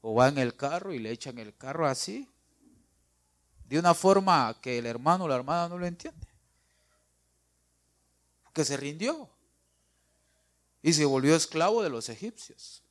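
A man's voice: fairly high pitch, very animated, a little slow, long pauses. Emphatic preacher man. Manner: emphatic, repeats phrases, asks the congregation "right?"; acts out quoted voices with sharp swings in loudness. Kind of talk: sermon.

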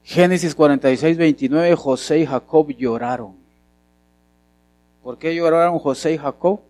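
A man preaching a sermon as pastor, often putting questions to the congregation and swinging between loud and soft. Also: a little high, normal speed, no echo.

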